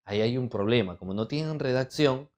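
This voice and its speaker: A middle-aged man leads a writing workshop for lawyers at an average pitch. He reads out lists of terms in a steady, measured cadence. He often stops to check in with his students through rhetorical questions. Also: lo-fi sound. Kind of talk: online legal writing lesson.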